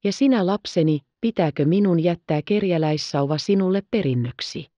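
A woman's voice: fairly low pitch, lively intonation, mellow, dry recording, close to an everyday voice. A woman voicing an aged, crippled merchant father who speaks with solemn, impassioned gravity, in a slightly dull audiobook recording. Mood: questioning.

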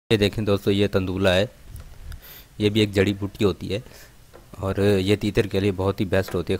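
Low, flat-voiced man explaining bird care. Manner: steady explanatory, repeatedly pointing things out to viewers. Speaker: bird keeper showing partridge care. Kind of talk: instructional demonstration vlog.

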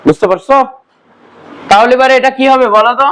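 Very high-voiced man teaching grammar. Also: fast talker, very noisy. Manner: quizzes students and repeats the answers himself; patient step-by-step explaining. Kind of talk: classroom lecture.

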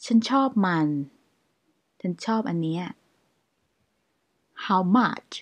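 A Thai woman with a Thai accent who teaches English, saying each short phrase slowly twice and then explaining it quickly. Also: on the low side. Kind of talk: language lesson, repeating phrases slowly.

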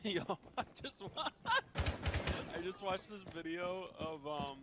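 Animated man telling a story over voice chat. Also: high voice, takes it slowly. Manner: animated storyteller, laughs and swears. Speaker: player and friend. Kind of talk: casual gaming chat, storytelling. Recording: noisy voice chat.

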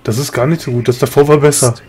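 A man's voice: medium pitch, fast. A man hosting a co-op game commentary, chatting and joking with his co-players. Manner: relaxed, joking banter with co-players. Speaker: let's play host. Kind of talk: casual gameplay commentary.

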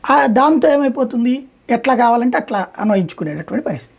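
A woman's voice: fairly high pitch, animated, vocal fry, darkish tone, slightly rough. A woman speaking as a political analyst guest in a debate, arguing with examples and proverbs. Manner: fast, argumentative, explains with examples and proverbs.

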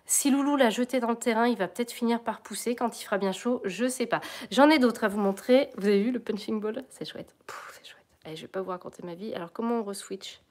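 A woman's voice: on the high side, fast, hardly any pauses, darkish tone. Bubbly chatty woman on a live stream. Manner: chatty, bubbly, laughs often, reads and greets viewer comments. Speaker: plant vlogger hosting a live stream. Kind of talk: casual live-stream chat.

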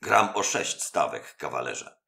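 A man's voice: rumbling low, sing-song, measured pace, vocal fry, sharp tone, full character voice. A man voicing a bald, hot-tempered older Italian innkeeper who blusters in comic fury. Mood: furious.

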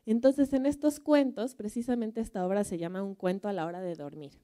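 Mexican woman lecturing at a museum, warm smooth voice, chatty storytelling. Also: medium pitch, steady tone, brisk. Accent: Mexican Spanish. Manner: conversational, storytelling, frequent tag questions. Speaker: museum curator giving a lecture. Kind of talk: public lecture.

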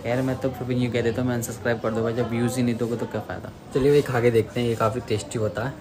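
Rapid-fire and mostly flat in pitch, this young vlogger's mid-range male voice carries his casual daily vlog. He's talkative and keeps calling viewers "brother," recording with a phone held at arm's length outdoors on a rooftop and inside a small room at home.

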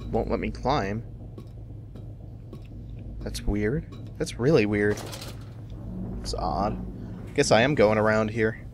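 A man's voice: lowish voice, slow pace, long pauses, noisy background. A man giving casual let's play commentary, musing and thinking aloud as he plays. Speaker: gamer commentating a playthrough.

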